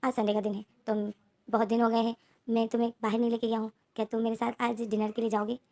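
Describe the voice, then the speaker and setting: Lady doing a soft pleading young husband, teasing and pushy, kinda high. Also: little pitch movement, fast, close to an everyday voice. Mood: coaxing.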